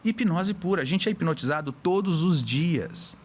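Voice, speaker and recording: Animated Brazilian hypnotherapist, higher voice. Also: male voice, normal speed, a little hiss or hum. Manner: animated, acts out little scenes with voices. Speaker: hypnotherapist guest. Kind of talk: casual podcast chat, explaining.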